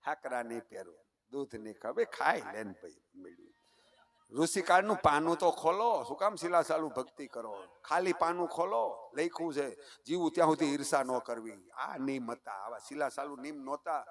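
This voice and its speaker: A man in his fifties with a Kathiawadi Gujarati accent, telling a devotional folk story to a live gathering, swinging from hushed asides to loud declaiming with half-sung lines. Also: a little high, animated, moderate pace. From Saurashtra, Gujarat. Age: 50s. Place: live stage before a village gathering.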